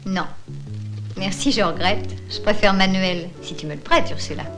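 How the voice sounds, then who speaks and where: A woman's voice: medium pitch, moderate pace, natural voice. An actress playing a small, short-sighted, mercenary female informant in a dubbed film drama, with a teasing, theatrical manner. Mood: glum. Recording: music behind the voice.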